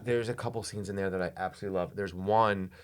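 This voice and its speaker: A man's voice: sits low, steady tone, fast. A man in his forties co-hosting a comedy podcast, telling stories with enthusiasm and stumbling over repeated words. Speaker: podcast co-host. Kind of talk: casual comedic chat.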